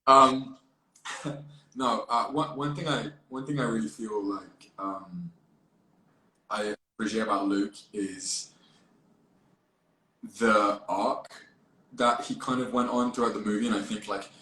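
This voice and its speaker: A man, an actor, chatting playfully on a phone livestream, halting and rambling with frequent restarts. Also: on the low side, steady tone, bright, forceful tone. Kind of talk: casual livestream chat. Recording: echoey room with faint background noise.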